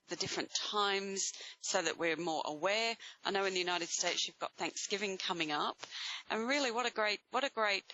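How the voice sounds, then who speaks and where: A woman with an Australian accent and a bright voice, hosting psychic readings and speaking in a reassuring, encouraging way. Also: lowish voice, dry recording, dull audio. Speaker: host giving live psychic readings to callers. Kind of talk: spiritual guidance talk to audience and caller.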